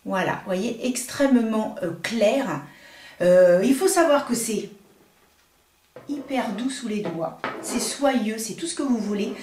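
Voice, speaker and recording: A woman presenting a casual makeup tutorial, chatty and hesitant, often pausing on fillers and correcting herself. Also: fairly high pitch, animated, darkish tone, echoey room. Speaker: beauty vlogger.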